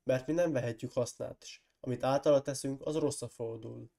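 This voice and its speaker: A small young hobbit, frightened but holding firm, who answers in short and hesitant lines, as a hoarse man reads him. The voice is gravelly and mellow, roughened by a cold, in the manner of a storybook reading. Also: mid-range voice, fairly even intonation, lightly acted. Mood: wary.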